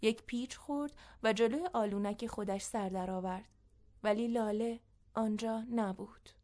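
Narrating a story aloud, a woman keeps her pacing measured and even. Her voice sits slightly higher than most.

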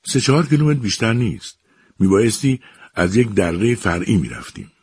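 A man voicing a calm, polite army captain in a storybook reading, speaking formally and evenly. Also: on the low side, slightly rough, no echo, voice pushed up, exaggerated voice.

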